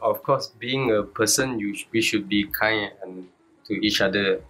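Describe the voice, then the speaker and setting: A man's voice: fairly low pitch, moderate pace, a bit bright, soft background music, rough recording. A man chatting as a podcast guest in colloquial Singlish-style with clipped grammar and 'lah'. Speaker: guest tattoo artist. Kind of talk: casual podcast chat.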